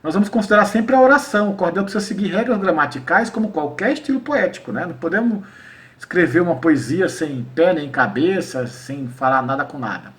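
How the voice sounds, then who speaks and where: The voice is on the high side, animated and a bit bright, picked up by a far-off mic. He's a cordel poet from Paraíba with a Northeastern Brazilian accent, informally explaining poetry to educators, reciting lines slowly and constantly checking in with "né?" and "tá?".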